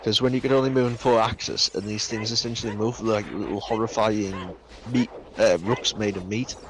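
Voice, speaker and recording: A man's voice: on the low side, fairly even intonation, moderate pace, a crowd in the background. A man chatting casually during a game stream, rambling, swearing offhand and laughing through his own stories. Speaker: co-op stream guest. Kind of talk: casual gaming chat.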